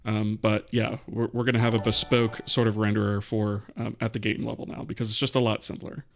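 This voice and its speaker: A man with a gravelly, creaky edge to his voice hosts a casual live-coding stream. He talks through his code as he goes and stops to answer viewers' questions in a relaxed way. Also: lowish voice, a little fast. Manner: thinks aloud while coding, answers chat questions.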